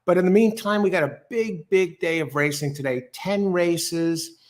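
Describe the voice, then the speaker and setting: Male host, slightly higher pitch, casual live racing-show chat. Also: moderate pace.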